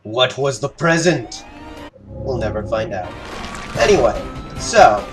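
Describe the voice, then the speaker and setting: A man's voice: medium pitch, lively intonation, takes it slowly, far from the mic, soft background music. Rambling man commentating a video game. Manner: rambling, filler-heavy, self-deprecating. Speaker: let's play gamer. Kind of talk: casual gameplay commentary.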